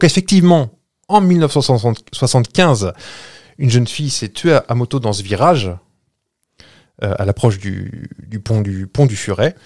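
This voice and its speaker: A man's voice: mid-range voice, darkish tone, no room sound, clean studio sound. A man telling a spooky story in a casual, joking podcast chat, with frequent hesitations. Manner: tells a ghost story with jokes and hesitations.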